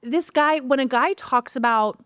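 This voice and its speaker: A woman co-hosting a podcast, chatting casually and giving opinionated, animated takes. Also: sits high, measured pace, dry recording, studio quality. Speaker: podcast co-host. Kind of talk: casual chat.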